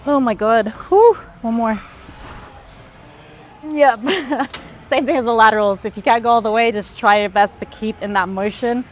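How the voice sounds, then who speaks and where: This woman's voice sits a little high and moves a little slowly, with a slight hiss or hum on the recording. She's a fitness vlogger at the gym, casually explaining each exercise mid-workout while a bit out of breath, sighing and exhaling with effort.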